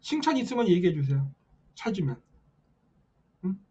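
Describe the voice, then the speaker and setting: Over lo-fi audio, a man with a high, husky, dark, sing-song voice hosts a late-night political stream at a moderate pace. He reads viewer comments aloud and fires off rhetorical questions, tagging them with a repeated "eh?".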